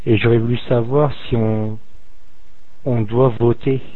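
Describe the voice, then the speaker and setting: A man's voice: medium pitch, fairly even intonation, measured pace, no echo. A man calling in to ask a question of a teacher, speaking hesitantly with many fillers. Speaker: caller asking a question. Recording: dry phone-like line.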